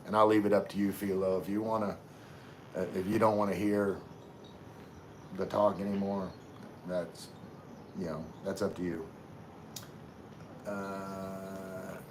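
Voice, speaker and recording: A very deep-voiced Louisiana man hosts a livestream, reading and answering chat comments as they arrive. His talk is relaxed and meandering, packed with "uh," "you know," and restarts, over a faint hum.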